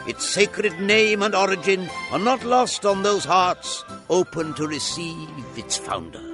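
An actor playing a grand, solemn ghost in a radio drama, declaiming with urgent, rebuking oratory. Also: male voice, a little high. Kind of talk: theatrical radio drama acting. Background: music.

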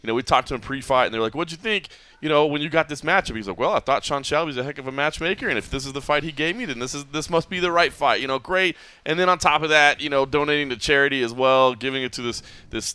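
A man's voice: medium pitch, sharp tone, smooth, dry recording. A man from Texas hosting a podcast, recapping a fight night in a talkative, easygoing way. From Texas, United States. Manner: talkative, restarts phrases, quick to laugh. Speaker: podcast host. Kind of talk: casual post-fight recap chat.

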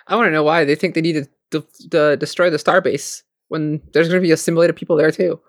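A podcast co-host in casual chat, chatty and quick to laugh. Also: mid-range voice, dry recording, studio quality.

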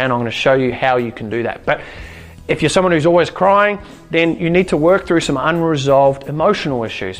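Guy chatting through self-help tips, keeps going "right? okay?", kinda high voice. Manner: conversational, often checks in with "right?" and "okay?". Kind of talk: casual motivational talk to camera.

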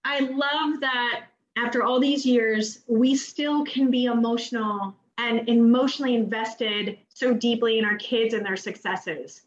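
A woman's voice: on the high side, a little slow, hardly any pauses. Earnest American woman on echoey dull audio. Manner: heartfelt, earnest, expressive. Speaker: swim instructor, guest. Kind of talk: casual conversational interview.

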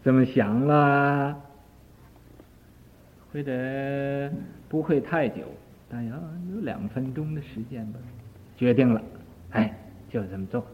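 Older male Buddhist teacher, unhurried storyteller, mid-pitched, on tinny old tape. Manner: leisurely, repetitive, full of drawn-out interjections, acting out the story's voices. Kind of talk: dharma talk storytelling.

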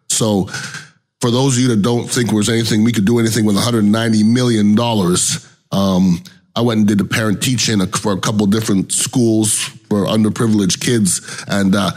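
A middle-aged man talks alone as a podcast host in a fairly low voice. His delivery is casual and colloquial, with blunt, slangy phrasing. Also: darkish tone. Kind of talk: casual solo podcast talk.

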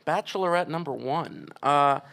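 A man's voice: a little high, moderate pace, gravelly, a bit bright, smooth. A man taking part in a live dating game, chatting casually in an eager, jokey way.

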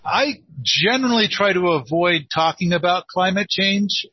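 A man's voice: high voice, lively intonation, moderate pace, slight background noise. A man with a northeastern Oregon accent hosting a casual podcast consultation, rambling and self-deprecating with many restarts. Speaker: podcast host and permaculture consultant. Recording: dull lo-fi dry sound.

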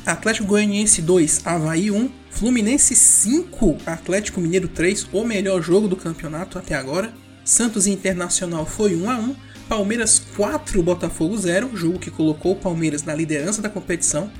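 A woman's voice: on the low side, a little fast, darkish tone. A Brazilian woman hosting a football show, narrating a scripted round-up of results. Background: music bed.

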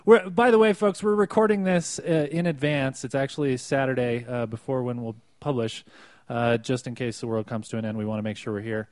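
A man hosting a casual news podcast, talking in a halting way with many fillers. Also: medium pitch, fairly even intonation, dry recording. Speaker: podcast host.

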